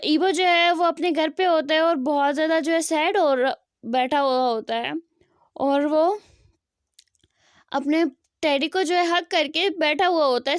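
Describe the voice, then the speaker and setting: A young woman retells a fan-fiction story in a loose, chatty narration full of fillers. Her voice is very high. The recording is dry and close to the mic. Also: dry recording.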